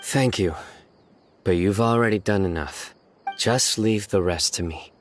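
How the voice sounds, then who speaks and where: A man voicing a stern, stoic young law enforcer in a video game, speaking in a calm, measured and resolute way. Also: lowish voice, faint music behind, natural voice. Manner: measured, solemn, deliberate.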